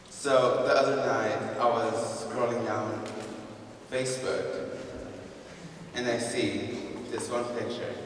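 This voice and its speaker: A man's voice: medium pitch, fairly even intonation, slow, pauses often, slight background noise. A man performing spoken word poetry at a reading, earnestly urging the audience to chant along. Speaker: poet at a reading. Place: large indoor hall with an audience. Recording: echoey hall, voice from far off.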